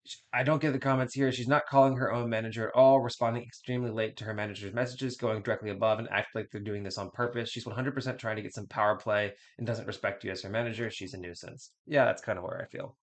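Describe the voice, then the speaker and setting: A man's voice: on the low side, fairly even intonation, quick pace. A man hosting a podcast, giving candid, blunt advice in a casual chatty way, often repeating words as he restarts. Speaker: podcast host.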